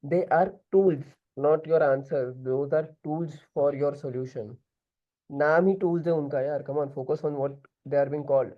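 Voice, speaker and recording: A man's voice: on the high side, steady tone, fairly quick, phone-quality sound. A man with an Indian accent giving direct group discussion feedback as an interview prep mentor, switching now and then into Hindi.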